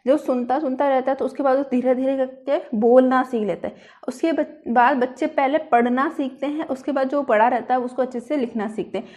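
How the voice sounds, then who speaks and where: A woman with a fairly high voice lectures like a teacher in a classroom. She explains each point step by step. She reads English phrases slowly in an Indian English accent, then restates them in plainer words. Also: fairly even intonation, a little mellow. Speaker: teacher explaining a lesson plan.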